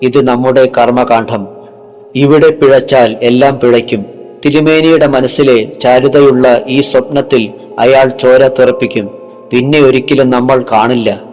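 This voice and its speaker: A man voicing a vengeful, seductive female yakshi spirit in a horror story narration, speaking in an urgent, commanding hush. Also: medium pitch, fairly even intonation, measured pace, faint music behind, lightly acted. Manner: urgent, commanding hushed speech.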